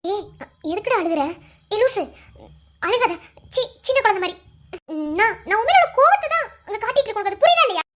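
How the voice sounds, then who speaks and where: A woman with a Madurai Tamil accent voicing a sharp-tongued young woman who teases and scolds her boyfriend. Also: extremely high pitch, expressive, moderate pace, long pauses. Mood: scolding. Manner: teasing, scolding, mocking.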